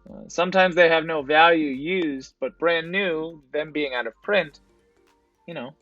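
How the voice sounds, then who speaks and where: A man's voice: on the high side, a little slow, fairly bright tone, no echo, lo-fi sound, faint music behind. A man narrating his thrift store trip as a voice-over for his reselling vlog, in a casual, explanatory way. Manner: casual, explanatory, repeats "to be honest".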